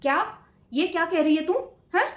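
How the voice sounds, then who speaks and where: A woman's voice: very high-pitched, moderate pace. Bossy mother-in-law, a woman acting it. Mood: outraged. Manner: bossy, scolding. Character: stern traditional middle-aged mother-in-law. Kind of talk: comedy skit acting. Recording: echoey room.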